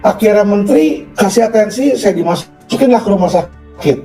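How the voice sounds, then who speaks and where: High-voiced man telling his story, echoey. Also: moderate pace, mellow, distant mic, soft background music. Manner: emphatic, preachy, peppers talk with asides to listeners. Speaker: lawyer. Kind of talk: earnest storytelling to an audience.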